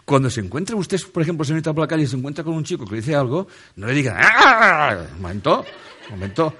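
A man's voice: a little high, lively intonation, rapid-fire, breathy edge. A man giving a humorous motivational talk on a stage, joking with the audience, questioning them directly and laughing often. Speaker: motivational speaker. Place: stage under a spotlight before a seated audience.

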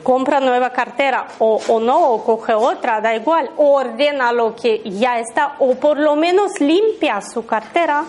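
High-voiced woman leading a workshop. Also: a little slow, few pauses, a little mellow. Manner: chatty, tells anecdotes, keeps asking the listeners "¿vale?". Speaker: abundance workshop leader. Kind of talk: informal talk to a live group.

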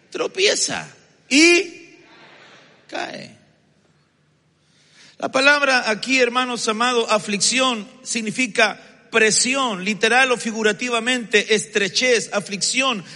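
Male pastor, high bright voice, slow emphatic sermon, long hall reverb. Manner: emphatic, rising to fervent exhortation.

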